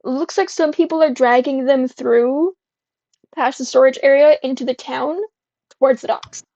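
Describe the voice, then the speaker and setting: A woman's voice: high-pitched, steady tone, moderate pace, dark tone, no room sound, dull audio. A woman running a tabletop game as game master, talking casually and bluntly. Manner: casual, unbothered, profane. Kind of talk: narrating a tabletop game over voice chat.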